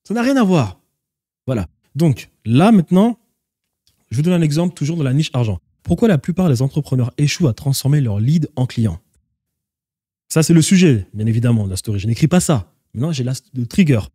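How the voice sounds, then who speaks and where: A man gives an online business lesson, driving his points home with emphatic, direct address and strings of rhetorical questions. His voice is dark and mellow, recorded close and dry with no room sound. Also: mid-range voice, big pitch swings, a little fast, slightly rough, dry recording. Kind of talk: instructional talk to camera.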